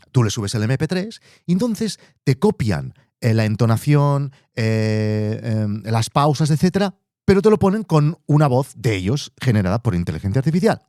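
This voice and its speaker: A man's voice: mid-range voice, warm tone, dry recording, studio quality. A man hosting a podcast, chatting casually, swearing freely and thinking aloud. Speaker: podcast host. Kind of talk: casual monologue.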